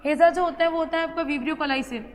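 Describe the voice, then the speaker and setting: Woman biology teacher, high voice, repeats terms, quizzes the class. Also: a little fast. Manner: addresses students fondly as child. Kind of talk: classroom lecture at a board. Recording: hall reverb with faint ambient noise.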